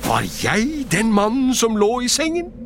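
A man voicing a frantic, excitable old male miser in a storybook reading, crying out in a high, strained voice. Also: a little hiss or hum, heavily acted. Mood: desperate pleading. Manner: cries out in shrill exclamations. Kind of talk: storybook character voice.

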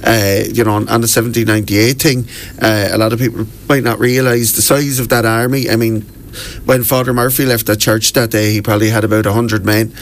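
A man from the southeast of Ireland with a low voice and a Wexford accent. He talks like an enthusiastic tour guide being interviewed, informal and full of storytelling. There is clear noise behind him. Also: little pitch movement, a little fast. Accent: Wexford Irish. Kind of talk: conversational radio interview. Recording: clearly noisy background.

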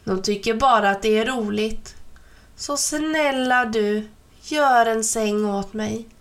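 A woman's voice: fairly high pitch, fairly bright tone. A woman voicing an eager, pleading little elf girl in a storybook reading.

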